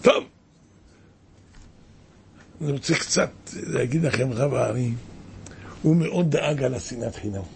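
A man's voice: medium pitch, creaky, long pauses, a little hiss or hum. A man preaching a sermon as a rabbi, impassioned and exclaiming, with many rhetorical questions.

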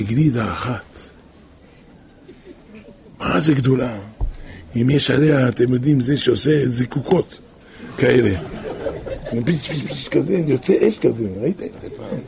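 A man preaching, telling a moral story in an animated storytelling way with wide swings of pitch. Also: vocal fry, a little hiss or hum.

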